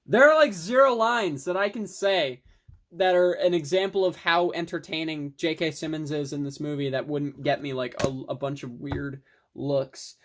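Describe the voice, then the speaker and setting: A young adult film collector talks through favorite movies in a loose, unscripted way. The delivery is enthusiastic and rambling, with mild swearing. The pitch sits at an ordinary middle level. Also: normal speed, fairly bright tone. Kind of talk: casual film review monologue.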